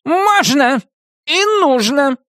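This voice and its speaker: Furious old witch, shrill, scolding, storybook, lively pitch. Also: no room sound, studio quality. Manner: shrieking, scolding, drawn-out angry words. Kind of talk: audiobook character voice.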